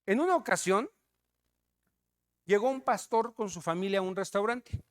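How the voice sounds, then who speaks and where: A man with a Mexican accent preaching a sermon, telling a story with loud emphasis and hushed asides. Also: high voice, normal speed.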